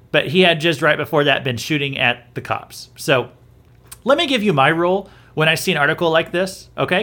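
With a fairly high-pitched, bright and forceful voice, a man from the American South hosts a podcast where he offers opinionated takes on the news. His style is casual and conversational, full of repetitions and restarted sentences.

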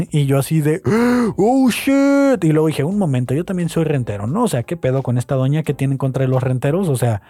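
A man's voice: mid-range voice, fast, warm tone, no echo, faint music behind. A young man with a Mexican accent, hosting a podcast and telling a story in a slangy, casual way with frequent exclamations. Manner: slangy, laughs and exclaims while retelling gossip. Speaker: podcast host.

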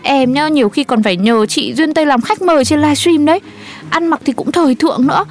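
A woman's voice: high-pitched, fast talker, natural voice. A woman plays a chatty, gossipy neighbor. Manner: gossipy, eager.

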